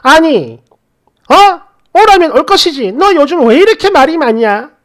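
A woman voicing a curt, domineering older mother-in-law who scolds loudly. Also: high voice, a little slow, voice pushed up. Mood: scolding.

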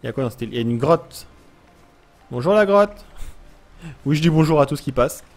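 A man's voice: fairly high pitch, lively intonation, a little fast, faint music behind. A gaming YouTuber commentating a let's play, jumpy and easily scared, yelping and talking to the creatures he meets. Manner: jumpy, frightened, talks to creatures, yelps.

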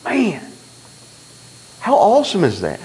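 A man preaching a sermon in a church, telling stories in a folksy, animated way and acting out the dialogue. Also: sits high, slow, poor audio. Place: church sanctuary.

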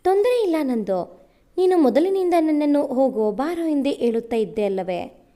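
A woman voicing a gentle, loving young husband who speaks tenderly and reassuringly in a storytelling recording. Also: high-pitched, big pitch swings, normal speed.

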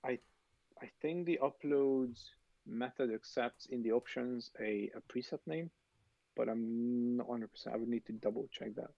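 A man guest explaining a software tool in a casual, hesitant way with fillers. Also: medium pitch, moderate pace, gravelly, no echo, highs cut off. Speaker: guest developer advocate.

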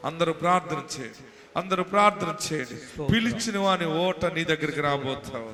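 A man's voice: fairly high pitch, expressive, brisk, long reverb tail. A man preaching a sermon and leading prayer in a fervent, rising voice with a Telugu accent. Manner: fervent, rising to loud exhortation, repetitive calls to pray. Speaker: pastor.

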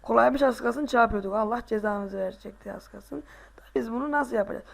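A male gaming host giving casual let's play commentary, excitable, groaning and boasting to himself as he plays. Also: very high-pitched, a little fast, gravelly.

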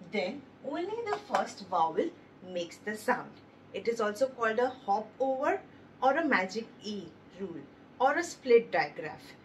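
A woman's voice: medium pitch, distant mic, slight background noise. A woman teaching a phonics lesson, sounding out letters one by one and praising the children. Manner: slow, sounding out letters one by one, stressing each word; encouraging, addresses listeners as babies.

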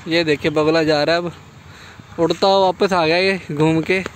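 A man's voice: a little high, fairly even intonation, moderate pace. A young man filming on his phone outdoors in rural fields, chatting with a child and narrating what he films in a coaxing, casual way. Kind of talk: casual chat behind the camera. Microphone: handheld phone. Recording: loud outdoor noise.

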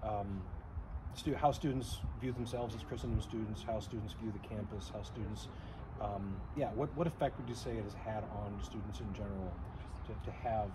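A middle-aged man interviewing students outdoors, halting and restarting his questions often. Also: lowish voice. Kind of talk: casual on-site interview. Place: outdoors by chapel doors. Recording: outdoor noise behind.

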